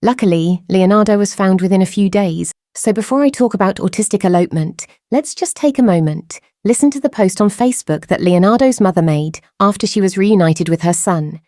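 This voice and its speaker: Host, woman, voice-changer processed, mellow tone, dry close sound, measured scripted delivery. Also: medium pitch, no echo. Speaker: true crime channel host. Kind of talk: scripted commentary.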